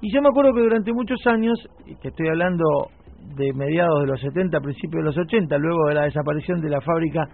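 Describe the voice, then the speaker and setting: A middle-aged man with a Rioplatense Spanish accent talks casually as a radio host, reminiscing and telling stories at an easy pace. His voice sits fairly high for a man. The sound is thin and phone-like, as if heard over a broadcast. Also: fast, creaky. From Buenos Aires, Argentina. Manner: conversational storyteller, reminiscing.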